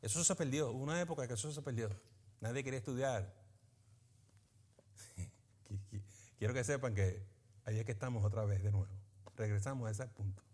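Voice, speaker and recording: A man, a pastor teaching a Bible study in a lively preaching manner, often asking his listeners for agreement. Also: mid-range voice, normal speed, pauses often. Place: church meeting in a school building.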